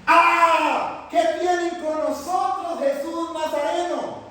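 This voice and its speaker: A man's voice: steady tone, takes it slowly, slight background noise, full character voice. A man doing a shrieking demon spirit. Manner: shouted, high-pitched cries. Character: shrieking male unclean spirit, hostile, frantic. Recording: echoey hall from far off.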